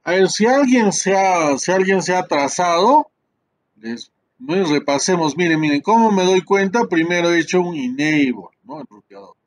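A man's voice: sits high, animated, moderate pace. A man teaching a class through a screen-share tutorial, talking in a chatty way with many fillers and tag questions.

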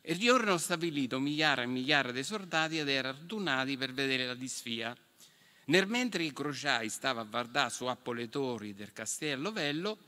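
A man telling a folk tale on stage in a Marche dialect from the Fabriano area, animated and theatrical. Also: on the high side. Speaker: storyteller. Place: stage in an event hall. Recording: reverberant hall.

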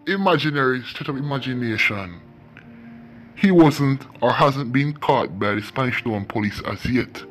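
A Jamaican man giving emphatic, accusatory crime news commentary as a voice-over, calling out suspects directly. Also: mid-range voice.

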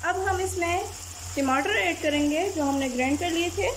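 A woman calmly explaining a recipe step by step as a cooking channel host. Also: very high voice, moderate pace, slight background noise. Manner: calm, plain, methodical. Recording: loud frying sizzle behind voice.

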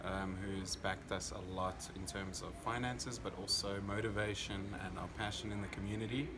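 A man's voice: low voice, fairly even intonation, moderate pace. A young man with a South African accent giving a casual interview as a competitor just after performing. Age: young adult. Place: indoor convention venue. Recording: clear background noise, busy event venue.

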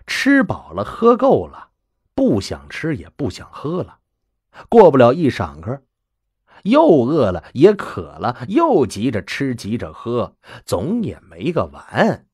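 A man voicing a stern, blunt old grandmother, speaking slowly and pressing with questions. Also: mid-range voice, a little mellow, breathy edge, dry recording, clean studio sound, voice pushed up, full character voice. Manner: slow, measured, pressing questions.

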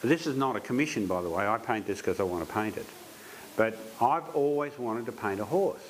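A man, a painter, telling animated stories in an interview and acting out the voices he quotes. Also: lowish voice, fairly quick, background noise. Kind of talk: storytelling interview.

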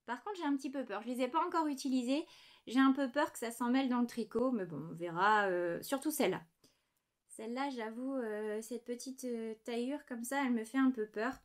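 A knitting podcast host shows off her supplies in a casual chat from her home desk indoors. Her slightly high voice moves fairly quickly, and she's chatty and apologetic, fond of small details.

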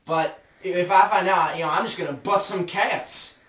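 A man's voice: high voice, normal speed, a bit bright, slight background noise. A man playing a casual gang member in a homemade comedy skit, offhand and slangy. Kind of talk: amateur comedy skit acting. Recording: echoey room, mic far off.

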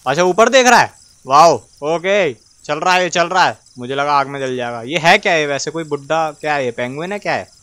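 A man hosting a casual let's-play, talking straight to his viewers and swinging between loud cheering and low muttering. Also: lively intonation, brisk, no echo. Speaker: gaming video host.

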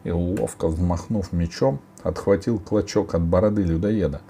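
A man narrating a children's storybook in a deliberate, animated way. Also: low-pitched, a little hiss or hum. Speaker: audiobook narrator.

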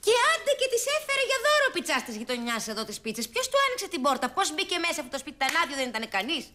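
A woman's voice: high voice, very animated, sharp tone, heavily acted. A woman acting a curious, nosy sitcom character who keeps asking insistent questions. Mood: puzzled. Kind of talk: comedic TV acting.

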